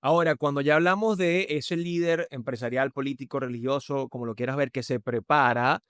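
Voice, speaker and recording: The voice is a Venezuelan man's, with a Venezuelan accent, fairly quick and clean-toned, with fairly even intonation, captured dry with clean studio sound. A podcast guest, he gives an emphatic conversational explanation of communication, demonstrating through changes in pitch and loudness.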